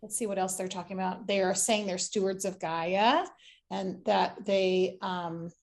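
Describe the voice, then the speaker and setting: A woman's voice: medium pitch, steady tone, unhurried. A woman psychic giving a reading in casual chat, rambling with lots of "like" and restarts.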